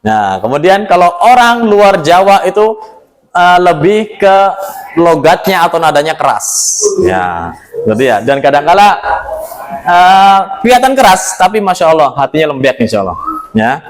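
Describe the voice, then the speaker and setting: A man teaching a classroom lesson in a lively way. He keeps questioning his students and mixes in religious exclamations and light jokes. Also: on the high side, moderate pace, a little hiss or hum, low-quality recording.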